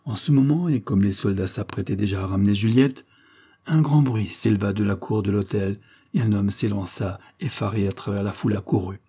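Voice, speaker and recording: A man narrating a classic serial story in a measured, dramatic reading. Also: on the low side, steady tone, mellow, slightly rough. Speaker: audiobook reader. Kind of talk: scripted narration of a serial novel.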